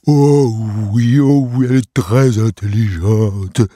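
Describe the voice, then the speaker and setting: A man playing a soft, naive donkey. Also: medium pitch, no room sound. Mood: anxious. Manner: slow, soft, earnest, turns frantic. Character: gentle naive male donkey, easily upset. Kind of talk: storybook character voice. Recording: close dry voice with soft music.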